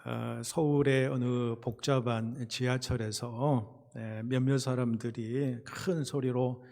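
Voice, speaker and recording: Man preaching a measured sermon. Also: mid-range voice, steady tone, gravelly, warm tone. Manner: measured preaching with many hesitation sounds, rising in emphasis. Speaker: pastor. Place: church sanctuary.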